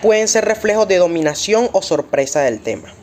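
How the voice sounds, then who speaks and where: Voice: mid-range voice, lively intonation, brisk, a little mellow, a little hiss or hum. Student reading out a class presentation.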